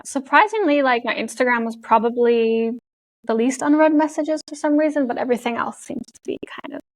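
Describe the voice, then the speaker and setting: Her high voice moves fairly quickly with no room sound as this young Canadian guest, a content creator, chats casually in an interview. She laughs a lot and leans on fillers like "like" and "you know," with a European tinge to her Canadian English.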